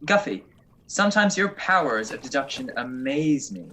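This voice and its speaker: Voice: mid-range voice, very animated, normal speed, bright, forceful tone, a little hiss or hum. A performer playing Nick Charles's part as a wry, unflappable male detective, teasing and sarcastic, in an old-style radio mystery. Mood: dry. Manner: dry, teasing, sarcastic wit. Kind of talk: 1940s detective radio play acting. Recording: video call recording.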